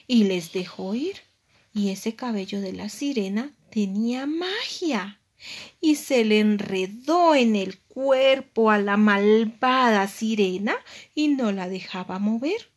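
Woman telling a child a gentle story. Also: mid-range voice, animated, takes it slowly. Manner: gentle, sing-song, repeats words for emphasis. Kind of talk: improvised bedtime storytelling with a child.

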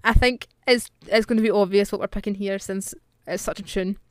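A woman's voice: medium pitch, steady tone, brisk. A woman co-hosting a casual podcast chat, making dry, matter-of-fact remarks. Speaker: podcast co-host.

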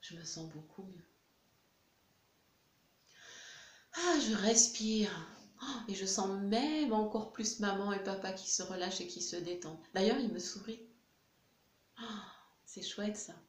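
A woman's voice: medium pitch, measured pace, natural voice. A woman speaking as an upset crying baby. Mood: relieved. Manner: soft first-person voicing of the baby, plain voice. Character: distressed crying baby, then calming. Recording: echoey room with faint hiss.

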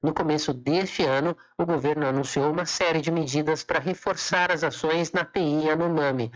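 A man's voice: a little high, a bit bright. A Brazilian man reading a scripted radio news report as an announcer. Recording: slightly dull, lo-fi audio.

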